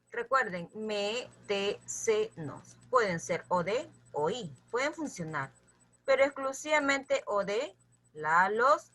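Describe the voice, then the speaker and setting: Slow, lively-pitched woman teacher. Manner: patient, addresses students directly with frequent check-ins; repeats lists slowly for memorizing. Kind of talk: grammar lesson explanation.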